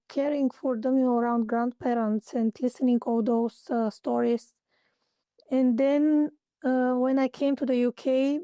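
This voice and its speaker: A woman's voice: a little high, warm tone, dry recording. A woman from Bulgaria with a Bulgarian accent, a native Bulgarian speaker and holistic therapist, answering interview questions hesitantly with many fillers as she searches for English words.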